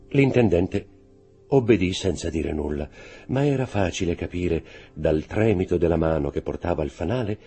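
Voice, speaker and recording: A man narrating an audiobook with a dramatic, expressive reading, over faint background music. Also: low-pitched, creaky, breathy edge.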